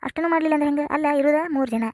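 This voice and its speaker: A woman's voice: high-pitched, steady tone, rapid-fire, a little mellow, a little hiss or hum, lightly acted. A woman voicing a fussy, doting middle-aged village mother in a cartoon comedy, with a North Karnataka accent and a chattering, dramatic way of talking. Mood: grumbling. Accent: North Karnataka Kannada. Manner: chattering, dramatic, rhetorical questions.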